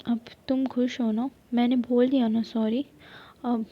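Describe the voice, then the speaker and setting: A proud, hot-tempered college girl, as a woman whispers her lines in whispered role-play. The breathy whisper sits a little high and flat. The recording is dull and lo-fi. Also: close to an everyday voice. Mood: hurt. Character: young college woman in love, proud and quick to anger.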